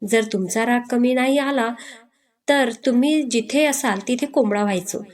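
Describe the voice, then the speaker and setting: Woman doing a gentle, earnest young heroine. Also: on the high side, normal speed, close to an everyday voice. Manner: soft, earnest and reasoning. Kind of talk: storybook reading.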